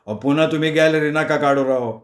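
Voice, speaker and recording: A man voicing a serious, officious male police inspector who speaks gravely and matter-of-factly in a storybook reading. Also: on the high side, a little fast, roomy sound, close to an everyday voice.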